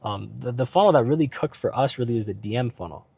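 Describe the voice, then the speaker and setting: This man's mid-range voice is gravelly, warm, and husky as he talks fast about business from the driver's seat, with no echo. Because he's sick, his voice is beginning to give out, and he rambles casually with fillers, asides, and frequent "right?"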